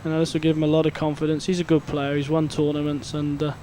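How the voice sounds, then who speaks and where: A man gives live golf commentary as an analyst, in a fairly high voice with little rise and fall. His phrasing is conversational, and outdoor noise is clearly heard behind him. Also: completely flat delivery, quick pace, dark tone.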